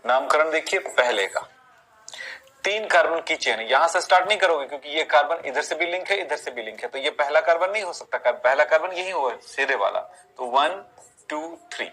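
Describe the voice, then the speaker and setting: A man's voice: a little high, animated, moderate pace, sharp tone, low-quality recording. A man teaching a chemistry lesson, explaining step by step, counting carbons aloud and asking his students rhetorical questions. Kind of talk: classroom lecture on chemistry naming.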